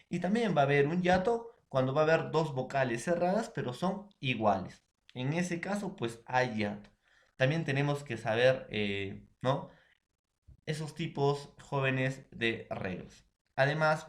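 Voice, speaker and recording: A man from Peru teaching a class, explaining step by step and often checking in with his listeners. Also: mid-range voice.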